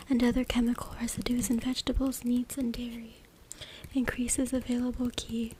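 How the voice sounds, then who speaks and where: An ASMR creator whispers a reading from a book, soft, hushed, and deliberate, repeating words in a slightly high voice that stays very even. She's close to a USB microphone, with clear noise plus tapping and clicking behind her.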